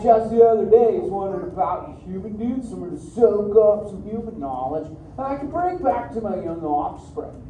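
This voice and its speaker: A medium-pitched, dark voice, close to everyday speech, belongs to a performer playing a laid-back surfer-dude sea turtle onstage in an indoor theater. He drawls goofily, drops "dude" constantly, laughs a lot and jokes around with the crowd, captured in an echoey, noisy recording made from a distance.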